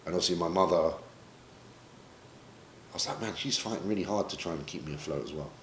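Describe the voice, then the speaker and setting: A man's voice: deep voice, fast, a bit bright, slight background noise. A man from Britain, a pro bodybuilder, talking candidly and emotionally in a sit-down interview, swearing casually as he reflects. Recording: roomy echo, faint ambience.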